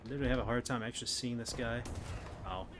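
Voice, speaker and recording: A man's voice: mid-range voice, steady tone, quick pace. A man streaming a tank battle game live, chatting to viewers and swearing at the game. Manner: swearing, frustrated outbursts at the game. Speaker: gaming streamer. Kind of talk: live gameplay commentary. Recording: faint game noise behind.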